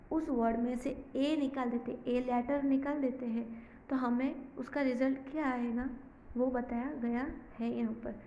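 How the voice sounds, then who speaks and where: A high-pitched woman with an Indian accent teaches a children's grammar lesson. She goes slowly and patiently, spelling out each example sentence. The recording sounds echoey, with faint noise behind her. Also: darkish tone, lo-fi sound. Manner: slow, patient explaining, reads sentences word by word. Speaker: school teacher.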